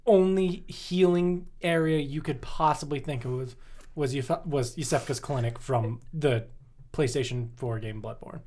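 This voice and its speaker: An American man co-hosting a casual podcast, joking around and laughing a lot. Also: normal speed. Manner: joking, laughs often, lively pitch swings. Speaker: podcast co-host. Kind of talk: casual chat.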